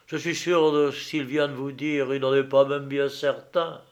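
A man's voice: mid-range voice, flat delivery, normal speed, close to an everyday voice. A man reading an audiobook, voicing a proud, anguished grown son who pleads urgently.

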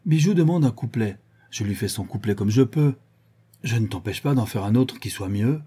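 A man's voice: mid-range voice, normal speed, mellow, husky, lightly acted. A man voicing a witty, irritable young man who speaks sarcastically, in a storybook reading. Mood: exasperated.

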